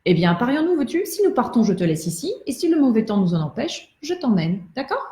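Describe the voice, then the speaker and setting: A woman's voice: fairly high pitch, very animated, a little fast, mellow, pitched above the performer's own voice. A woman doing a boozy jolly sailor. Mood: teasing. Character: hard-drinking male sailor, jovial and boastful. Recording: roomy echo.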